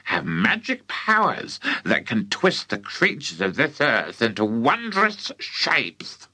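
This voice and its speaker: A man voicing a gloating, menacing old grandmother with a witchy streak, in a slow, relishing, creepy drawl. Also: mid-range voice, wildly swooping pitch, bright, forceful tone, slightly rough, no echo, heavily acted.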